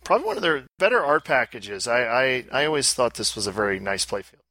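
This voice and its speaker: Male co-host, bright tense tone, dry close sound, reading listings and commenting in a casual way. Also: mid-range voice, very animated, fast, dry recording. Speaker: podcast co-host.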